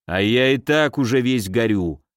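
A man's voice: mid-range voice, expressive, a little slow, clean tone, no room sound, studio quality, natural voice. A man voicing a sly, mischievous male footman in an audiobook. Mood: sly, teasing. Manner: sly, teasing.

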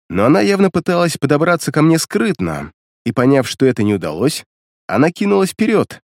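A man's voice: medium pitch, a little mellow, no echo, clean studio sound. A man narrating a first-person action story with vivid, dramatic storytelling. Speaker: audiobook narrator.

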